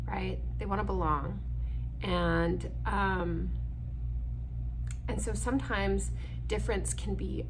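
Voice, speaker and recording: A woman runs a children's story time at a medium pitch, reading to her young listeners, explaining softly in simple terms, and regularly asking them questions. There's background noise in the clip.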